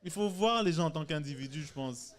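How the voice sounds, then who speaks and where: This Senegalese-born comedian, in his thirties, sounds a little high, expressive and brisk while guesting on a casual live podcast ahead of a stand-up show. He keeps cracking jokes, laughing a lot and starting sentences over.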